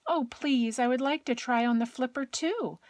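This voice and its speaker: A woman's voice: high-pitched, normal speed, no echo, lightly acted. A woman voicing a sweet, earnest young female penguin in a storybook read to a toddler. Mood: pleading. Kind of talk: children's storybook read aloud to a small child.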